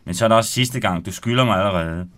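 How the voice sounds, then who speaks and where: A man's voice: fairly low pitch, fairly bright tone, natural voice. A man voicing a skeptical, worried young man who is easily irritated. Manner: doubtful and irritated.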